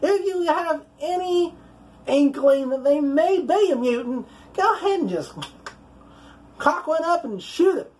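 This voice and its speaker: A woman's voice: high-pitched, animated, a little slow, a little mellow, voice pushed up. A woman doing a trigger-happy hunter with a put-on accent. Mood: callous.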